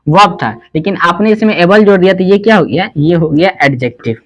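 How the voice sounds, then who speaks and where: A man teaches an English lesson in Hindi at a steady classroom pace. He keeps asking the class questions and answering them himself. When he gives an example word, he slows down and spells it out letter by letter. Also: high-pitched. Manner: spells words out letter by letter, slowly.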